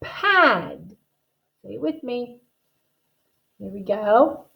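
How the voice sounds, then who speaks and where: Slow, higher-pitched woman modeling speech sounds. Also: lo-fi sound. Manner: instructive, checks understanding with short tag questions. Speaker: reading teacher. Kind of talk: guided phonics lesson.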